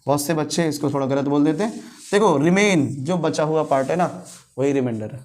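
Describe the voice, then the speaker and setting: Hindi-accent guy teaching math class, high voice, keeps asking the kids questions. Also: fairly quick, darkish tone. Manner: quizzing students with repeated questions. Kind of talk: classroom lecture.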